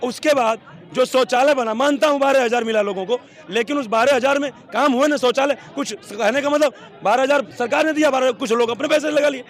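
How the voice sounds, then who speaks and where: A man's voice: very high voice, a little fast. A man defending his side in a heated street debate outdoors, piling up examples insistently. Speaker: debate participant.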